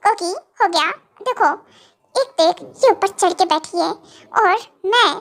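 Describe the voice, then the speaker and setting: A woman's voice: extremely high pitch, a little slow, a bit bright, voice pushed down, heavily acted. A woman voicing a stern, possessive young husband in a fan audio drama, scolding and then coaxing.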